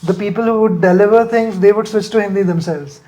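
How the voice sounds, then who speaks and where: Man, thirties, Indian accent, high-pitched, casual conversational storytelling, podcast guest. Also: fairly quick, dark tone. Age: 30s. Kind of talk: casual chat, personal anecdotes.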